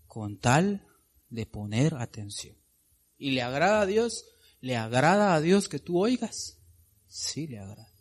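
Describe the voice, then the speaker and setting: A man preaching an evangelical sermon with passion, swinging from quiet asides to loud shouted lines and calling his listeners "brother". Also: mid-range voice. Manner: addresses listeners as "hermano bendito".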